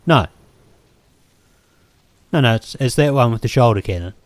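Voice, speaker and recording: A man with a New Zealand accent hosts a let's play, rambling hesitantly between game moments with lots of ums and restarts. His mid-range voice is expressive, his pace normal, and there's no room sound in this casual gameplay commentary.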